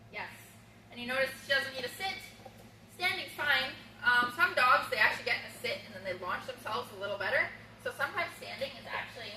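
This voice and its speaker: A woman dog trainer giving an upbeat, instructive demonstration at home, recorded by a camera across the room. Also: sharp tone. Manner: upbeat, instructive, bursts into high-pitched baby talk for the dog. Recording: roomy, distant camera sound, faint room noise.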